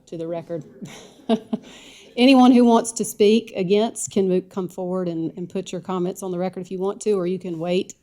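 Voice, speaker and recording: A woman's voice: lowish voice, mellow. A woman chairing a county council meeting, polite and procedural as she calls for questions and speakers.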